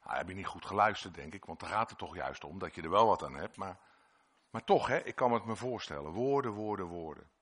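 A man's voice: low voice, expressive, a little fast, a bit bright, slightly rough. A man preaching a sermon in Dutch-language church talk, earnest and repetitive, sometimes acting out short quoted voices.

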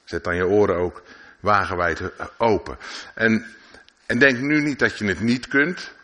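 A man's voice: fairly low pitch, unhurried, sharp tone. A man preaching a sermon at a church service, reading scripture and adding conversational asides and questions to his listeners.

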